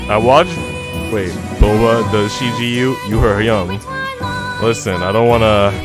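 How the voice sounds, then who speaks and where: Over background music, a lowish-voiced man streams live in an unhurried way, slangy and teasing with plenty of jokes. He moves back and forth between casual chatting and reading story narration out loud.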